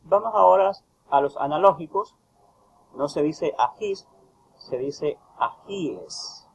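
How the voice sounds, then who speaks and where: A male university tutor giving a recorded grammar lecture, stressing each example phrase slowly. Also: on the high side, gravelly, poor audio. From Ecuador. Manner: slow, emphatic reading of example phrases.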